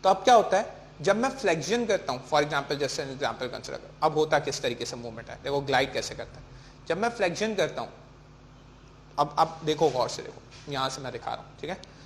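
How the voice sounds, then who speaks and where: A man's voice: fairly high pitch, lively intonation, a little fast. A man teaching a lesson in a slightly raised voice. He asks a question and answers it himself, and he checks often that his students follow. A faint hiss sits under the recording. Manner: mixes in English terms, keeps checking with "ठीक है". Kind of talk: classroom lecture.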